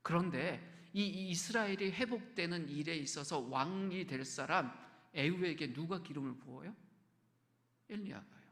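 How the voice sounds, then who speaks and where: Male pastor, slightly high and gravelly, conversational sermon delivery in a reverberant church. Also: moderate pace. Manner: conversational preaching, asks the congregation questions, drops to soft whispers. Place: church sanctuary.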